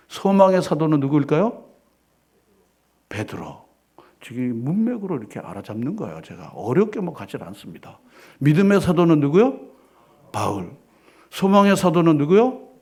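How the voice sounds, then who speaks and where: A man preaching a sermon as a pastor in church, firing rhetorical questions and swinging between loud declarations and hushed asides. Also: fairly high pitch, husky.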